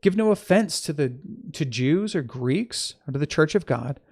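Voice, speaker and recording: A man's voice: a little high, animated, normal speed, vocal fry, darkish tone, slightly rough. A man reading scripture aloud. He stops to correct his own slips and adds informal asides between the verses. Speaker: Bible reader.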